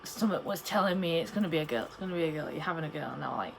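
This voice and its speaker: A woman's voice: sits low, animated, rapid-fire, creaky, slight background noise. A young woman chatting casually to camera in a rambling, storytelling way. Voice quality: cannot pronounce P in the middle of words. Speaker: pregnancy vlogger.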